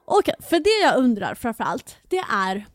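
A young woman from Halmstad with a Halland Swedish accent, co-hosting a casual chat podcast, animated and often laughing. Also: on the high side. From Halmstad, Sweden. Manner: animated, laughing, mimics pronunciations. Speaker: podcast co-host.

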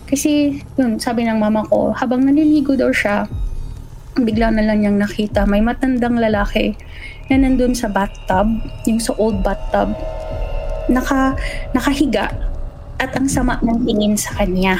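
Woman, young adult, storytelling, animated delivery, slightly high voice. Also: normal speed, long pauses, over music, low-quality recording. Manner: animated, acts out quoted voices. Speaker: guest telling a ghost story. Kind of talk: casual storytelling in Taglish.

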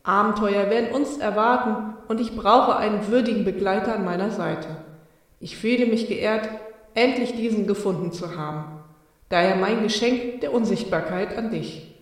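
A woman voicing a wise, solemn female sea serpent spirit who speaks in a measured, ceremonious way. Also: mid-range voice, heavy reverb, long reverb tail, far from the mic, close to an everyday voice.

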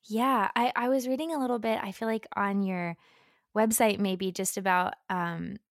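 A woman's voice: mid-range voice, fairly even intonation, moderate pace, no room sound. Chatty woman host in a dry room. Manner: chatty, rambling questions with likes. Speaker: podcast host. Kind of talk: casual interview.

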